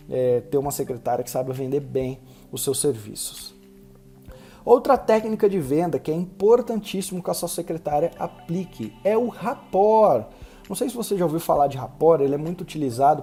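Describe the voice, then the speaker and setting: A Brazilian man hosts a solo podcast, speaking quickly and instructively straight to the listener. His voice is dark and mellow, with soft music faintly under it. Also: fairly high pitch. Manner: fast-talking, instructive, addresses listener directly. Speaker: podcast host.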